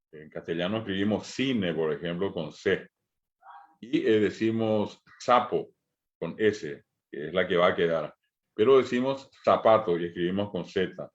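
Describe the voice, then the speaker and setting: A middle-aged man with a Paraguayan Spanish accent teaching a language lesson, slowly repeating each sound for learners to copy. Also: deep voice, muffled recording.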